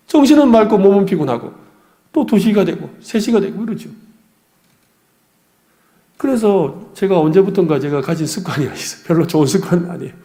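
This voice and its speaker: A man's voice: high voice, mellow. A middle-aged man, a pastor, preaching an earnest, confessional sermon with personal stories.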